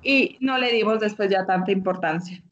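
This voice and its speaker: A woman with a Mexican accent, giving a personal testimony as an interview guest, telling her story in an animated way and acting out what others said. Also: mid-range voice, normal speed, muffled recording.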